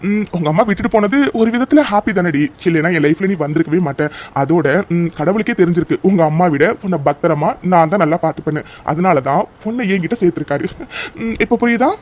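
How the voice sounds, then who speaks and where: A man voicing a doting young man in a cartoon love story, teasing and then gently comforting his crying sweetheart. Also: on the high side. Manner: coaxing, affectionate and teasing. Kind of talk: cartoon voice acting.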